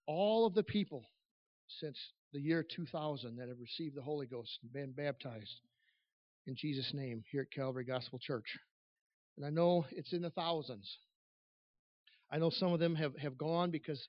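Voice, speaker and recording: A man preaching a church sermon at a pulpit microphone, earnest and emphatic, speaking in halting phrases that swell and drop in volume. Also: on the high side. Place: large church room. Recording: echoey church PA, slightly dull.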